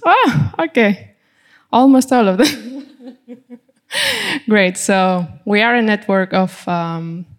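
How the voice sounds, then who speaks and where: A woman's voice: medium pitch, a little mellow. A woman with a Greek accent moderating a live panel and introducing it, sometimes searching for words. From Greece.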